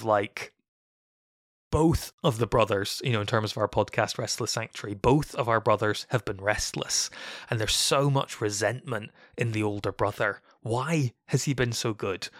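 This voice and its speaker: A man's voice: lowish voice, normal speed, a bit bright, no echo, studio quality. A man co-hosting a podcast, explaining a Bible story in a reflective, casual way. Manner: reflective, explanatory, acts out quoted voices. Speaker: podcast co-host.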